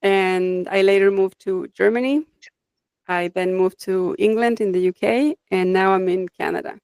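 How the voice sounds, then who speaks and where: In a dry recording, this medium-pitched woman speaks at normal speed in a steady tone that's clear, resonant, and a little mellow. She's a guest on a conversational interview, a reflective life design coach from Mexico sharing her personal story.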